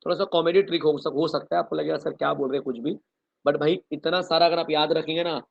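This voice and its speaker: Lively man teaching chemistry, dull recording. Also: on the high side, fast talker, creaky. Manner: calls students "bachche" and "bhai", explains with a story mnemonic; lively, asks questions and answers them himself. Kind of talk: online exam revision lecture.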